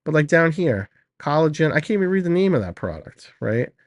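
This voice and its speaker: A man's voice: fairly high pitch, sing-song, a little fast, dry recording. Sick man hosting a product teardown. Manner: casual, chatty, addresses viewers directly. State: sick, slightly out of breath. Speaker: host. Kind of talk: screen-share product teardown.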